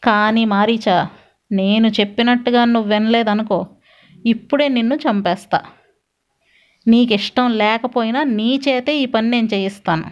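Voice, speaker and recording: A woman's voice: fairly high pitch, moderate pace, clean tone, close to an everyday voice. A woman voicing an arrogant male demon king who scolds and threatens in a storytelling reading. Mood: commanding. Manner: domineering, scolding. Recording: dull lo-fi recording.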